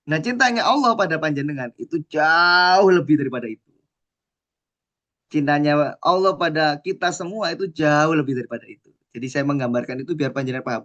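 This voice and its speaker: A man's voice: on the high side, muffled recording. A man gives a sermon. He tells stories with energy, acts out the lines of the people in them and asks his listeners questions. He sounds like a preacher in his thirties. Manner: lively storytelling preacher who acts out quotes and asks the audience questions. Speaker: Islamic preacher.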